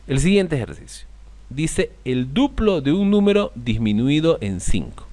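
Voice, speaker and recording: Male math tutor; patient, slow repeats of key terms, lively rising and falling delivery. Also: on the high side. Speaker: math teacher. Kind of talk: explaining a lesson to viewers.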